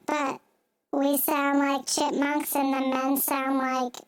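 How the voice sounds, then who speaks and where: A woman podcast host speaking through a high-pitched chipmunk voice filter, swearing freely in loose, joking chat. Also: monotone, slow, dry recording, studio quality. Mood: amused. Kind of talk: casual solo podcast chat.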